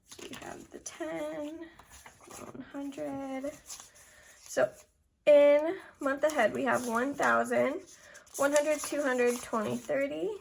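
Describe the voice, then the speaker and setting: Slightly breathless young woman, creaky voice. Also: high voice, a little hiss or hum. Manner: counts amounts aloud step by step. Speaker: budgeting video host. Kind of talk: casual narration of a hands-on task.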